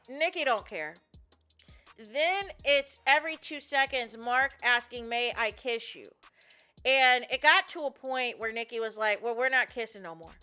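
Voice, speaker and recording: A woman's voice: on the high side, pushed and bright, smooth. A woman hosting a podcast, recapping reality TV in casual chat, repeating lines for emphasis and often asking "you know what I'm saying". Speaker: podcast host. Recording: faint music bed behind the voice.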